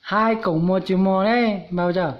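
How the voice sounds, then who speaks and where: A woman prompting a child to recite, speaking in loud, coaxing questions and cues in a casual home setting. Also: medium pitch, fairly even intonation, unhurried. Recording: dull lo-fi phone video with faint hiss.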